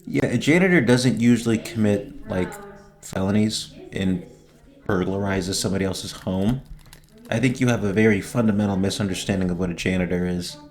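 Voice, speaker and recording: Joking young man with a lowish voice. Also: normal speed. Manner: joking, slangy, reacts out loud. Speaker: gaming streamer. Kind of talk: casual gameplay commentary.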